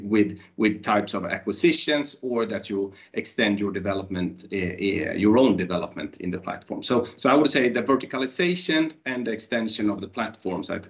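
Lowish-voiced man on a panel, dull audio. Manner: halting, repeats words. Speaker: company executive, panelist. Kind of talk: unscripted panel discussion. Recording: dull lo-fi sound.

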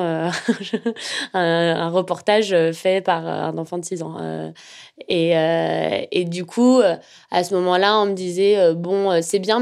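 A young woman, a journalist, telling her own story in a relaxed, hesitant way, with a slightly nasal voice and many fillers. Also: on the low side. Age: young adult. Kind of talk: casual personal storytelling.

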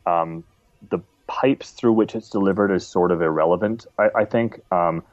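A man's voice: deep voice, moderate pace, no echo. A man giving a casual interview as an independent series maker, talking in a thoughtful, discursive, earnest way. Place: at home. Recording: dull, muffled lo-fi audio.

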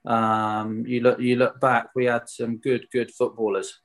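A man from Swindon, England, once a footballer, chats through anecdotes in a casual interview with a Wiltshire accent. He's candid and colloquial, questioning himself as he goes, in a mid-range voice with a level tone and a slightly slow pace.

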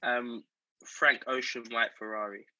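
A man's voice: mid-range voice, level tone, a little slow, sharp tone, no room sound, highs cut off. A man with a South London accent, chatting casually as a guest in an interview. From South London, England. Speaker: podcast guest.

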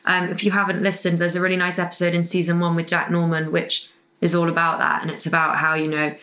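A woman's voice: lowish voice, monotone, fast talker, fairly bright tone. A woman co-hosting a podcast in a casual conversational style. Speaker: podcast co-host.

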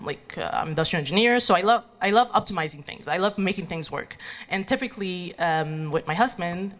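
Low-voiced woman from Haiti. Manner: relaxed, many ums and likes, light laughs. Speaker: guest entrepreneur. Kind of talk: conversational interview.

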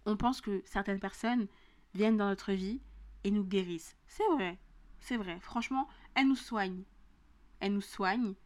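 A woman's voice: medium pitch, moderate pace, darkish tone. A young woman with a southern French accent, talking straight to her podcast listeners. Her speech is casual and full of slang, and she repeats phrases over and over to drive her point home. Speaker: podcast host. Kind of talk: motivational podcast monologue.

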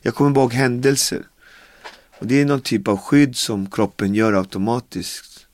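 En man i fyrtioårsåldern från Karibien som berättar sin historia i en intervju, livligt och med många utfyllnadsord. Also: medium pitch. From Caribbean. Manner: animated retelling with acted quotes and many fillers. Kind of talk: casual storytelling. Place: home with dogs.

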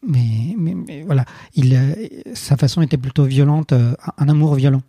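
A man in his thirties from Colombia, speaking as an interview guest. He tells a personal story haltingly, with frequent restarts and fillers. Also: mid-range voice, dark tone, breathy edge, no room sound, clean studio sound. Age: 30s.

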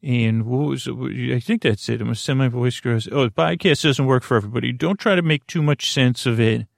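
A sleep podcast host speaks in a creaky, mid-range voice, offering a gentle, reassuring monologue that meanders haltingly from one tangent to another. The recording is dry with clean studio sound.

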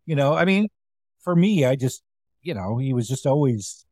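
A man's voice: mid-range voice, lively intonation, moderate pace, dark tone, dry recording, studio quality. A man who does comedy, telling a story in casual chat and acting out other people's lines. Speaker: comedian guest.

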